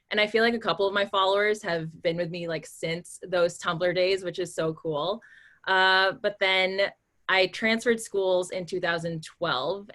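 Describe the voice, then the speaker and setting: A woman in her thirties from the Philippines, speaking as a panelist in a relaxed, conversational way. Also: on the low side. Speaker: panelist, influencer. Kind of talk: casual panel talk.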